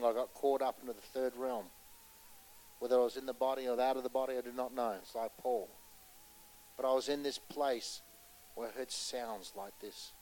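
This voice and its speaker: Impassioned male preacher, loud then hushed. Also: mid-range voice, poor audio. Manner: impassioned, swinging between loud urgency and hushed storytelling; asks the audience rhetorical questions. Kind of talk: sermon.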